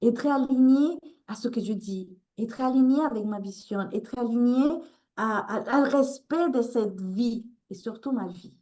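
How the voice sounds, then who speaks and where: A woman's voice: on the high side, a little slow, mellow. A woman with a Spanish accent, a resilience coach speaking earnestly in an interview, often restarting as she searches for words. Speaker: guest, resilience coach and therapist. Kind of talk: emotional interview talk.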